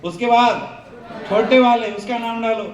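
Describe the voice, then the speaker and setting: A man's voice: very high-pitched, measured pace. A man giving a sales training talk to an audience, quizzing the crowd with call-and-response questions. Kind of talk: motivational seminar talk to an audience. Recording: echoey hall, mic from a distance.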